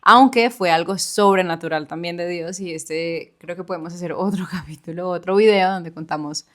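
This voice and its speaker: A woman with a lowish voice and fairly bright tone speaks at a moderate pace. As a podcast co-host in a personal storytelling chat, she earnestly shares her own experience and speaks directly to the listener.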